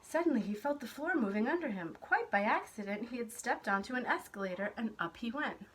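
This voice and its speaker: A woman's voice: fairly high pitch, lively intonation, a little fast, a bit bright, a little hiss or hum. A woman reading a picture book aloud to preschool children. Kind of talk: children's storybook read-aloud.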